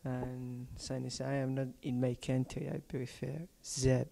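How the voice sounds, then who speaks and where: A teenage man from Somaliland, an exchange student, answering interview questions haltingly as he searches for words. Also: medium pitch, level tone, gravelly, dark tone.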